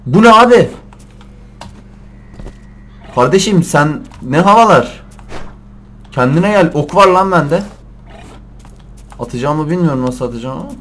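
Excitable young man yelling at a game. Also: on the high side, measured pace, long pauses. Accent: Turkish. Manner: excitable, swears and yells at the game, laughs often. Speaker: gameplay commentator. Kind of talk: let's play commentary.

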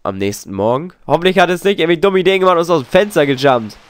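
Young male let's player, hoarse throat, lively and jokey, fairly high voice. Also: rapid-fire, dry recording, studio quality. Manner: animated, jokey, slips into wordplay. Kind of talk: gaming commentary.

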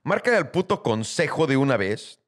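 A man's voice: medium pitch, very animated, moderate pace. Blunt Mexican man on a podcast. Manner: blunt, driven, slangy. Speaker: podcast co-host. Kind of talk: casual chat.

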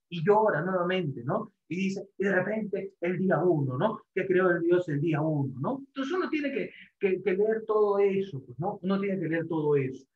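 A man's voice: sits high, reverberant. A man teaches his class in a slightly raised voice, circling back over each point and checking in with rhetorical tags. The room rings around him, and the recording sounds dull and lo-fi. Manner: repetitive, rhetorical "¿no?" tags, many fillers. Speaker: literature teacher. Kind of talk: classroom lecture.

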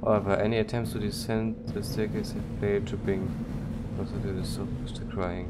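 A gaming YouTuber doing let's-play commentary, joking and talking back to the game, and haltingly reading English text aloud. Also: male voice, fairly low pitch, flat delivery. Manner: joking, talks to the game and its monster. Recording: loud background noise.

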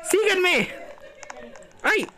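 A woman's voice: very high voice, extremely slow. A woman with a Mexican accent chatting urgently and bossily while playing a game with others. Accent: Mexican Spanish. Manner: urgent, bossy, excitable. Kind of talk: casual gameplay chat.

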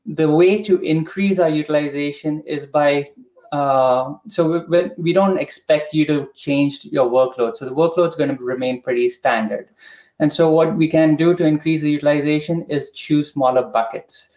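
A man explaining a technical process on a video call, measured and methodical, with frequent pauses and "uh" fillers. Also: fairly high pitch, fairly even intonation, darkish tone. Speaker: product expert guest. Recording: echoey room.

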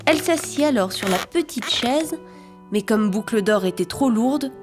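A woman narrating a children's fairy tale in a clear, expressive and rhythmic reading voice. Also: a little high, moderate pace. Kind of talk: storybook narration for young children. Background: music.

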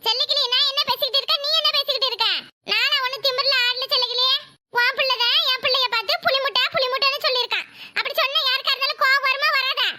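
Woman doing a squeaky nagging village wife. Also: quick pace, pushed and bright, no echo, studio quality, heavily acted. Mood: quarreling. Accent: Kanyakumari Tamil. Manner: nagging, quarrelsome. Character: complaining, sharp-tongued young village wife and mother. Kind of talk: cartoon voice acting.

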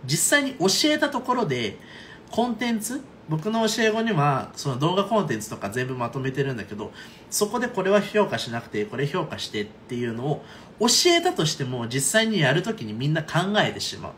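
A man coaching singers in a relaxed, talkative way, often pausing to check in with his listeners. His speaking voice sits slightly high and moves up and down in a very animated way. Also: a little hiss or hum. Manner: chatty, frequent "right?" and "okay?" check-ins. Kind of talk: casual online singing lesson.

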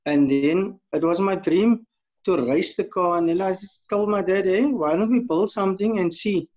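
A South African man with a high voice answers interview questions in a casual, chatty way. The video-call sound is a little dull. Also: moderate pace, darkish tone. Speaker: podcast guest, amateur drag racer. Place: indoor room, video call.

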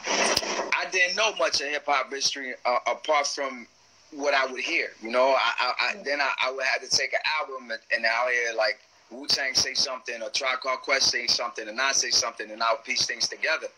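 A man's voice: medium pitch, steady tone, brisk, pushed and bright, poor audio. A man in his thirties from the Washington DC area, a rapper talking laid-back and streetwise as an interview guest over a live video call. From Washington DC / Maryland area, USA. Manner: laid-back, streetwise, uses "you know what I'm saying". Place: room at home, seated in gaming chair. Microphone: phone or webcam on a video call.

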